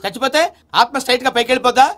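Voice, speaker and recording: A man's voice: extremely high pitch, level tone, racing, a bit bright. A man playing a grumbling, sardonic father in a film comedy scene. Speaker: father and head of household in a film.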